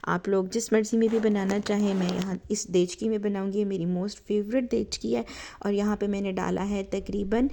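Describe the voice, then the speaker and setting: Chatty woman with a gravelly, dark voice. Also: medium pitch, fairly even intonation, moderate pace. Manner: chatty, repeats fillers and "ji" as she lists ingredients. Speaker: cooking channel host. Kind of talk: home cooking tutorial narration.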